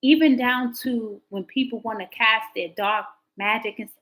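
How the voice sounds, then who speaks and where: A woman hosting tarot on a live stream talks with viewers at an ordinary pace, a long-winded storyteller whose pitch jumps when enthusiasm takes over. The recording sounds rough.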